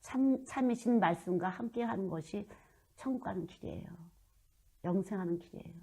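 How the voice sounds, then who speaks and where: Husky woman preaching, loud to hushed. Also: medium pitch, a little fast. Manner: storytelling, swings from loud to hushed. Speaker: children's missionary preacher. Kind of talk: sermon.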